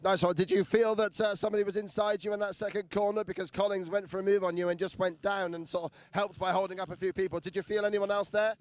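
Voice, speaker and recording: Upbeat high-voiced man presenting live motorsport. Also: little pitch movement, quick pace, hardly any pauses. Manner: upbeat, congratulatory. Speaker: motocross podium interviewer and presenter. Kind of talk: live post-race interviews and announcing. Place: outdoors at a race track.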